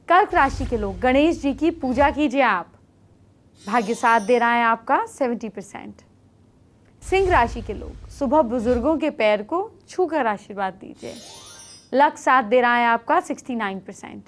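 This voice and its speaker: A middle-aged woman hosting an astrology show, briskly giving horoscope remedies and speaking straight to viewers. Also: fairly high pitch. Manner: brisk, instructive, addresses viewers directly.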